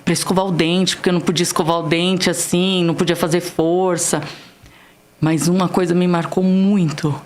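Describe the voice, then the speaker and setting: A woman's voice: lowish voice, little pitch movement. A woman with a Brazilian Portuguese accent tells a personal faith testimony on a church podcast, speaking earnestly and acting out the dialogue. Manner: earnest, emotional storytelling that re-enacts dialogue, slowing down on key words. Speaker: guest sharing a testimony.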